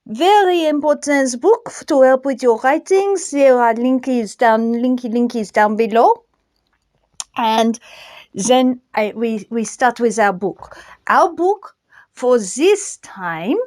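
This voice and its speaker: Speaking in a high voice with a French accent, a woman hosts a casual book review for her book channel. Her phrasing halts, she frequently starts over, and French words pop up here and there.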